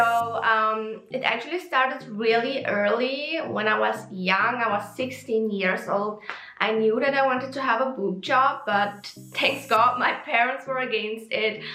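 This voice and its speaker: A woman's voice: on the high side, bright, forceful tone, roomy sound, low-quality recording. A young woman from Switzerland with a Swiss German accent, a native German speaker, chatting openly in a personal vlog with frequent ums and self-corrections. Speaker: vlogger.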